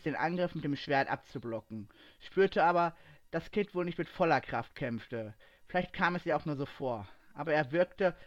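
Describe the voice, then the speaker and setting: A man reading a fantasy adventure story aloud in steady narration. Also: on the high side, no room sound, lo-fi sound.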